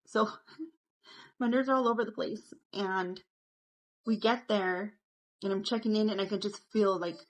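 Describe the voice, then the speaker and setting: A woman's voice: mid-range voice, steady tone, unhurried, pauses often, low-quality recording. A young woman telling her story to camera in a chatty way, filling her talk with "like". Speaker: vlogger.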